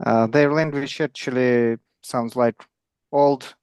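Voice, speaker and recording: Club participant, creaky voice, hesitant delivery, close dry sound. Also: mid-range voice, steady tone, slow pace, darkish tone, dry recording. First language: Russian. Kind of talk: halting conversational second-language speech.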